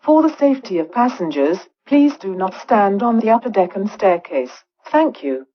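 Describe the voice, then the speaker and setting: A woman reading slow, careful, formal bus announcements played over a PA system. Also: medium pitch, big pitch swings. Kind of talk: scripted public announcement. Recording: dull lo-fi PA playback.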